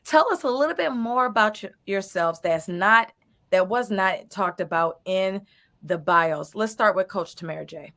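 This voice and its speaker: An upbeat woman in her late thirties hosts a live video chat, quick to cheer her guests on. Her voice sits at an ordinary middle pitch for a woman, and she talks in a casual, encouraging way. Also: expressive, fairly bright tone. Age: 30s. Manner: upbeat, affirming, repeats "I love it". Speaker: host.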